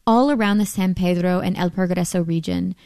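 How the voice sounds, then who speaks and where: A woman reporter giving serious, steady scripted news narration. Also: lowish voice, a little fast, vocal fry, clean tone, no room sound, studio quality.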